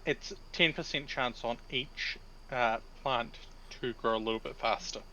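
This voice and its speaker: A man's voice: medium pitch, unhurried, pushed and bright, lo-fi sound. A man streaming a video game with casual, conversational chat. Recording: clearly noisy background.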